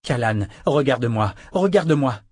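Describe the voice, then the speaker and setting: A man's voice: lowish voice, moderate pace, dark tone, breathy edge, no room sound, studio quality. A man playing an earnest young man, urgent. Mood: panicked. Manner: urgent, pleading, raised voice.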